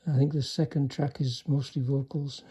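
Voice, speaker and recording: Flat and breathy-edged, the dark mid-range voice of an older radio repairer unfolds at a moderate pace. He casually demonstrates a restored chassis by hand, speaking in an understated, hesitant way and trailing off.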